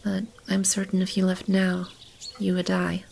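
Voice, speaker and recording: Playing a gentle, creaky-voiced female demon who shelters animals and a lost child, a woman soothes and reassures in an intimate, tender ASMR roleplay, soft-spoken with stretches of whispering. Her natural, medium-pitched voice is monotone at normal speed and careful in mood. Animal and bird sounds are clearly heard, along with slight background noise.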